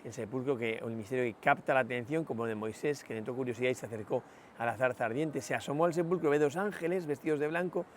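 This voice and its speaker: Reflective priest. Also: male voice, medium pitch, steady tone, quick pace, slight background noise. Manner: reflective, many rhetorical "¿no?" asides and hesitations. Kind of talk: spoken meditation, sermon.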